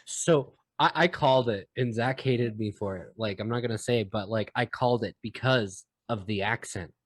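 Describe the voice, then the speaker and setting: A man co-hosting a podcast in casual chat, making quick remarks and playful comebacks. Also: lowish voice, no echo. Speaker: podcast co-host.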